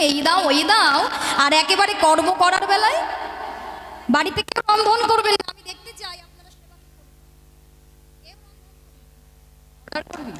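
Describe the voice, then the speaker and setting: A woman's voice: extremely high pitch, noisy background. A woman kirtan singer, preaching to a devotional gathering and coaxing the audience with teasing questions. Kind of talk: devotional sermon and chanting. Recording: echoey hall with loud music.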